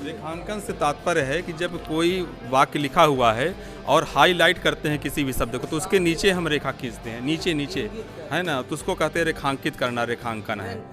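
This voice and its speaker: A man's voice: a little high, normal speed, over music. A man interviewing teachers at an outdoor teaching fair, asking probing questions and explaining points at length.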